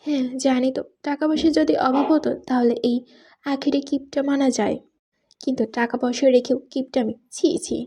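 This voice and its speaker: Sharp-tongued proud young wife, read by a woman. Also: sits high, steady tone, normal speed. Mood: scornful. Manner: indignant, biting retorts. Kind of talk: audiobook character reading.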